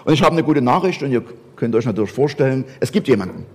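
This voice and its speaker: A man's voice: mid-range voice, animated, fast, darkish tone. A man preaching a sermon, emphatic and fond of repeating rhetorical questions. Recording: long hall reverb.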